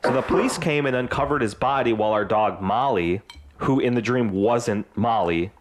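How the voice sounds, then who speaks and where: A man in casual podcast chat, winding through a long story with plenty of fillers. His voice sits at an ordinary middle pitch. He sounds relaxed and conversational. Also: normal speed, noisy background. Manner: rambling storyteller, lots of "like" and "uh". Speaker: podcast co-host.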